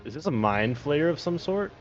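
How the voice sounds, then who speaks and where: A man's voice: a little high, expressive, normal speed, highs cut off, faint music behind. A man talking casually as a player in a tabletop role-playing game.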